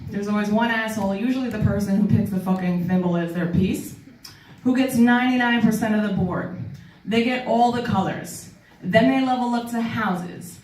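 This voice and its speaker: A woman's voice: mid-range voice, normal speed, a little mellow. New york woman doing stand-up, laughs at her own jokes, sounds a bit far off in an echoey club, faint noise behind. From New York City. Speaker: stand-up comedian. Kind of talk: stand-up set. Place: small comedy club. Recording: echoey club room, mic at a distance. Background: audience laughter.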